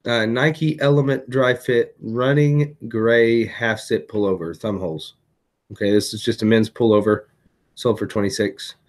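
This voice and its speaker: A man's voice: fairly low pitch, steady tone, unhurried. Chatty tired man reviewing his sales. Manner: chatty, many fillers and self-corrections. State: tired, hiccuping late at night. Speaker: eBay reseller vlogger. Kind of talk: casual vlog walkthrough of sold items.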